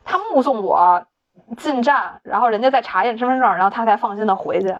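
A woman's voice: fairly high pitch, expressive, fairly quick, lo-fi sound. A woman telling a story in casual chat, laughing often, swearing casually and acting out the dialogue. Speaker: podcast co-host.

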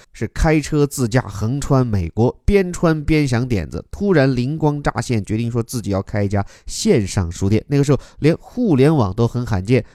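A man teaching English through a news article, explaining words and grammar in a lively, explanatory way. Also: medium pitch, no room sound, clean studio sound. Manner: lively, explanatory, reads English lines aloud and breaks them down.

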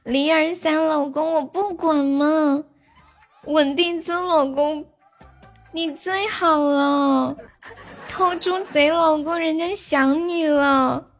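A woman doing a clingy, pouting girlfriend, high-pitched baby talk, music behind. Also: fairly even intonation, slow pace. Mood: coy. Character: coy clingy young woman wheedling her boyfriends.

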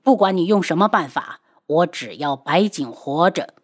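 A woman voicing a steady, grave young prince in an audiobook, speaking calmly and firmly. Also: fairly low pitch, moderate pace.

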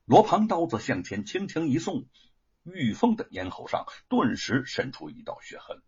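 Male storyteller, dramatic narration, fairly high and husky, dull lo-fi sound. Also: moderate pace. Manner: animated, dramatic.

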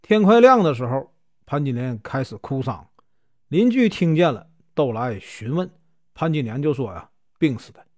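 A man's voice: mid-range voice, big pitch swings, moderate pace. A man from Northeast China with a Northeastern Mandarin accent, telling a classic tale in a chatty, casual way with many filler particles. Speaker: storyteller. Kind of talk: casual folk-tale narration.

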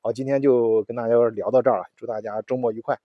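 A man's voice: medium pitch, steady tone, quick pace, breathy edge, no echo. A man hosting a casual solo talk show, rambling with many restarts and fillers. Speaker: podcast host. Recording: dull, lo-fi audio.

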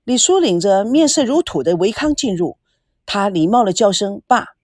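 A woman reading a novel aloud, expressive and switching into voices for each character. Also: medium pitch, normal speed, no room sound, clean studio sound. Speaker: storyteller.

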